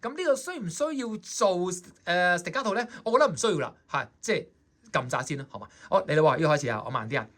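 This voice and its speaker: A man's voice: a little high, expressive, quick pace, a bit bright, slight background noise. A man with a Hong Kong Cantonese accent, teaching saxophone in a chatty way and often checking in with his students. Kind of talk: explaining a score in a music lesson.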